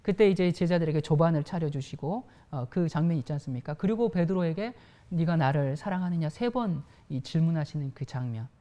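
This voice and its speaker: A woman's voice: sits low, animated, a little fast, hardly any pauses, mellow. A woman preacher delivering a sermon, addressing the congregation directly with rhetorical questions.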